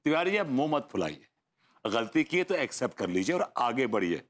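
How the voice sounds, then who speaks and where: An actor playing a suave, witty husband who teases and corrects other people's words. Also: male voice, medium pitch, very animated, fairly quick, noisy background, close to an everyday voice. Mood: teasing. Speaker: sitcom character. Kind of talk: sitcom acting.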